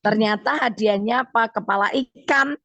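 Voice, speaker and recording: A woman's voice: fairly high pitch, fairly bright tone, no room sound, highs cut off. Woman teaching on radio. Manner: storytelling, deliberate emphasis. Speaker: evangelist guest speaker. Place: radio studio.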